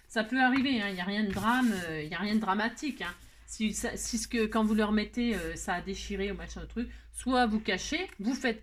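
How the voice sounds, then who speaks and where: A woman's voice: mid-range voice, fairly bright tone, slight background noise. A woman hosting a crafting tutorial, chatting playfully and talking to herself while she works. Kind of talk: casual craft tutorial talk.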